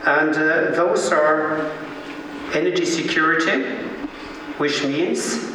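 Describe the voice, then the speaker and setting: A man giving a conference speech in measured, deliberate phrases. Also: fairly high pitch, fairly even intonation, background noise. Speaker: conference speaker. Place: large conference hall. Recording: echoey hall, from far off.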